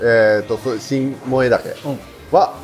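A man's voice: medium pitch, steady tone, takes it slowly, a little mellow, soft background music. A man with a Kansai accent chatting casually and banteringly over a meal as a food video co-host, often breaking into laughter. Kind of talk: casual chat while eating ramen.

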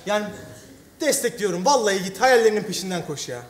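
Fast-talking man in echoey sketch comedy. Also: sits high, lively intonation, a crowd in the background. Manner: fast, rambling, exaggerated excuses. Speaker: comedy sketch actor playing a boyfriend. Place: television studio stage with live audience. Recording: echoey stage with audience noise.

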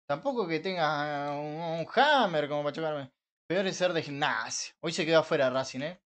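A young man with an Argentine Rioplatense accent, chatting casually with his live-stream viewers while gaming, joking, swearing and breaking into frustrated shouts. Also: fairly high pitch, expressive, moderate pace. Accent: Argentine Rioplatense Spanish. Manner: banters with chat, swears, bursts into frustrated shouts.

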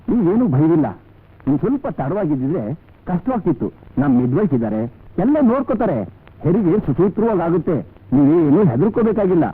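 An actor playing a calm village doctor who reassures patients and lectures firmly about drinking, in a radio drama. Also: male voice, fairly high pitch, slightly rough. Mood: reassuring. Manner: steady, lecturing, measured advice. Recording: tinny lo-fi audio.

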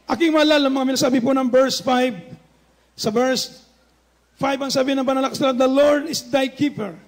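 Male pastor, very high pitch; emphatic sermon delivery, call-and-response. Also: steady tone, gravelly. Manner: emphatic, repeatedly calls the congregation to say amen; switches between measured speech and fervent near-shouting. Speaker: preacher.

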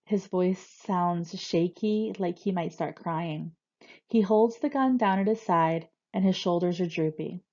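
A woman reading a first-person novel aloud with steady, expressive storytelling. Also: fairly low pitch, a little slow, lo-fi sound. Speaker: reader.

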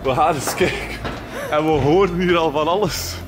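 A man's voice: on the high side, moderate pace, over music. A man chatting casually and commenting as he films a vlog. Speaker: vlogger filming a hide-and-seek game. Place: large industrial hall indoors.

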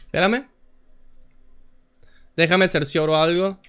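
A young man, hosting a drawing game on stream in a playful, teasing way, shouting out the answers. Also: high voice, steady tone, slow, clean tone. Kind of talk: casual game-stream chat.

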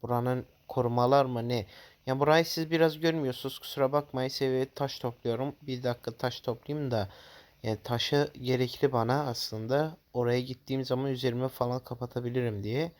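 A man giving casual gameplay commentary to his viewers, jittery and quick to swear in sudden loud outbursts. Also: medium pitch, fairly even intonation. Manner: talks straight to viewers as "guys". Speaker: gaming channel host.

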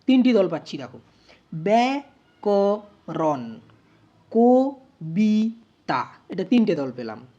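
A woman teacher explaining grammar, spelling out words slowly syllable by syllable. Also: fairly low pitch, sing-song, warm tone, lo-fi sound. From West Bengal, India. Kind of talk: grammar lesson.

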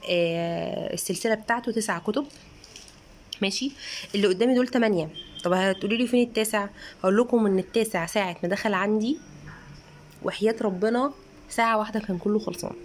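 An earnest, chatty woman in her thirties with an Egyptian Arabic accent talks through a casual book review as a mother. Her voice sits at an ordinary middle pitch, and she sometimes slows down to sound out syllables. A faint hiss of ambient noise stays under her voice. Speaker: mother reviewing children's books.

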